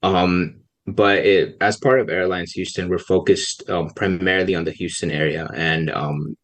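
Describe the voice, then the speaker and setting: On a relaxed podcast, a young Pakistani man who does policy research answers questions hesitantly and softly, stopping often. His voice is low-pitched and his intonation stays fairly even.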